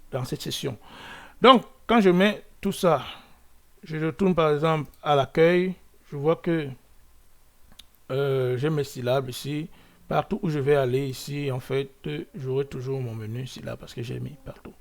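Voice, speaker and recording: A man's voice: fairly high pitch, gravelly. A man teaching a web coding lesson over his screen, thinking aloud with restarts and filler sounds, often checking in with "ok?". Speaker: coding tutorial host.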